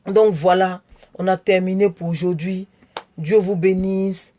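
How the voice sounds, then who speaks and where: Woman online preacher, mellow low-toned voice, affectionate with viewers, repeats phrases for emphasis. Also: fairly even intonation, unhurried. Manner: affectionate, greets viewers by name. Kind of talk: live-streamed exhortation.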